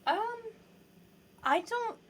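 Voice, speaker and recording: A young adult woman co-hosting a casual podcast, rambling deadpan with lots of "like.". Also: extremely high pitch, drawn-out words. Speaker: podcast co-host. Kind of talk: casual chat.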